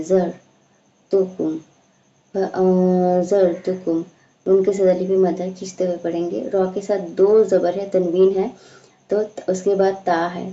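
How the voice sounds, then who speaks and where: A woman teaching a slow, patient recitation lesson, explaining each sound and stretching out the recited words. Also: lowish voice, mellow. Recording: echoey room, dull lo-fi sound.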